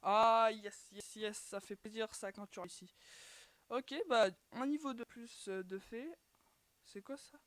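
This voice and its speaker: Speaking at a measured pace with a fairly high pitch, a woman chats casually over her gameplay for her gaming channel. She uses lots of fillers, restarts her sentences, and groans "too bad" each time an attempt fails. The recording is dry.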